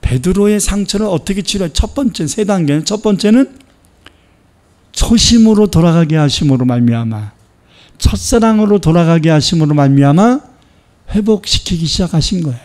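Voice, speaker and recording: A man preaches a sermon in a high, bright-pitched voice. He drives his points home with rhetorical questions. He acts out the dialogue he quotes. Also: animated, moderate pace. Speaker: pastor.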